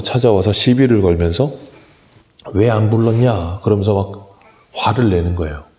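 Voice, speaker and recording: A man's voice: lowish voice, mellow. A middle-aged male pastor giving an early-morning sermon, explaining scripture in a plain, conversational way.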